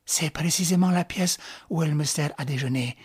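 A husky-voiced reader voicing an elegant countess in an audiobook, speaking in a poised, gently instructing way. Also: medium pitch, fairly quick. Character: elegant countess, gracious woman.

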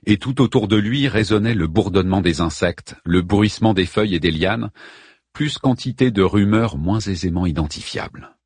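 A man reads a novel aloud in a fairly low, husky voice with lively, expressive pitch. The recording is dry and close, with no room sound. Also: no echo. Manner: expressive, measured reading. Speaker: audiobook narrator. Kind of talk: scripted narration.

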